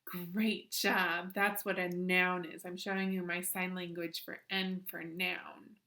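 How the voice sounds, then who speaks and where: A woman teacher, lower-voiced and slow, speaks with a flat delivery that is still pushed and bright. Through the screen she guides children in an interactive lesson, encouraging them and using simple instructions, questions and repetition.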